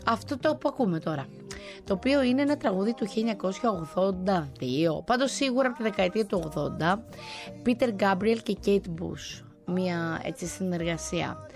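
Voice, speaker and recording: A woman radio host talking casually in a conversational way, pausing on fillers and restarting words as she goes. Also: medium pitch, lively intonation. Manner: conversational, with frequent hesitations and restarts. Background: faint music.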